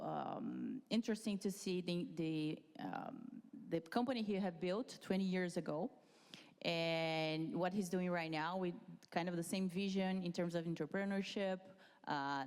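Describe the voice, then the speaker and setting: Woman hosting a stage chat, bit low voice, stumbles and restarts a lot, echoey hall. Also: darkish tone, clean tone. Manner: hesitant, many fillers and restarts. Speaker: moderator. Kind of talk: conference fireside chat. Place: conference stage.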